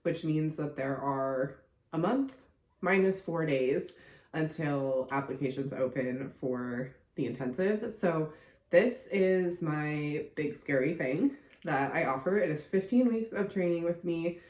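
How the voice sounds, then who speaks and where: This casual solo podcast monologue comes from a young woman, a podcast host and contortion coach, who is still congested from a recent illness. She speaks slowly yet animatedly, with a low pitch, a darkish tone and plenty of fillers, recorded in an echoey room.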